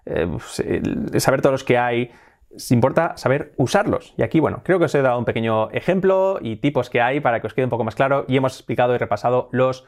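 A young man with a Spanish accent, a native Spanish speaker, gives a casual video lesson, mixing Spanish explanations with slow, repeated English examples. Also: mid-range voice, animated. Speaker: English teacher.

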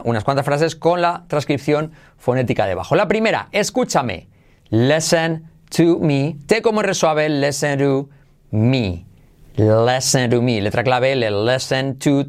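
Man, English pronunciation teacher, fairly high voice, lively and repetitive. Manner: lively, repeats English phrases slowly for practice. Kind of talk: online English lesson in Spanish.

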